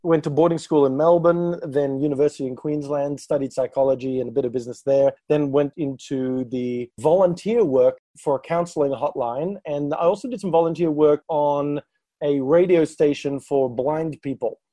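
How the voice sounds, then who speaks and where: A man who grew up in Malaysia, a guest on a podcast, telling his career story in a relaxed way. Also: on the high side, moderate pace, no echo. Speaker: guest speaker. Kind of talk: interview conversation.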